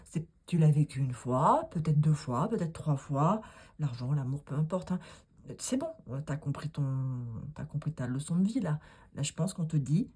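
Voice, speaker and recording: Low, husky woman reading tarot cards. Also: expressive, normal speed, warm tone. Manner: chatty, encouraging, speaks straight to the viewer; rambling, with many fillers and asides. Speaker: tarot card reader. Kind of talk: casual tarot reading vlog.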